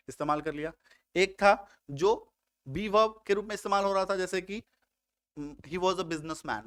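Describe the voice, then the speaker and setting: A man teaching English grammar in Hindi, patient and repetitive, often asking if it is clear, a little unwell with a slight cough. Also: sits high, fairly bright tone, no echo. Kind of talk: Hindi-medium spoken English grammar lesson.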